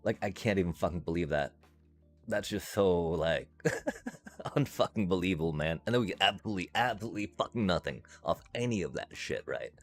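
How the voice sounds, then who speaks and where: A man's voice: deep voice, expressive, brisk, faint music behind. A man streaming a card game, ranting profanely with frustrated laughs between lines. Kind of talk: casual gameplay commentary.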